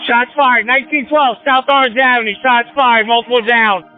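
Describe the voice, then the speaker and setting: A man's voice strains high and hard as he yells short, repeated calls over a police radio. The sound is thin and tinny, squeezed into a narrow band, with faint music underneath. His officer's calls come fast and urgent. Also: fairly even intonation. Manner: clipped, repetitive radio calls. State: shouting urgently. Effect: police radio transmission. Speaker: police officer calling for backup.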